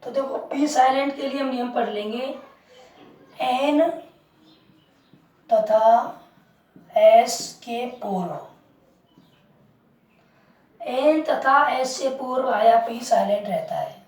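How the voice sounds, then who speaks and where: A woman's voice: a little high, takes it slowly, long pauses, a little mellow. A woman teaching English word pronunciation as a lesson, repeating words and asking the class questions. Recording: roomy, distant mic.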